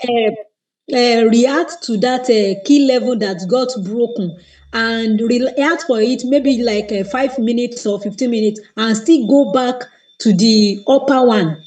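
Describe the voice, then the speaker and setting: A woman's voice: a little high, a little slow, a little mellow. Hesitant woman caller, sounding distant. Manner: hesitant, searching for words. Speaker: caller asking a question. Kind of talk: live call-in question.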